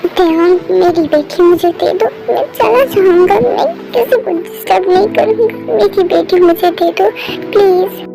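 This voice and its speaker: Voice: very high voice, unhurried, gravelly, full character voice, low-quality recording. A performer in an amateur fan dub voices a heartbroken young father who pleads tearfully for his daughter. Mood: desperate. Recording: loud background music.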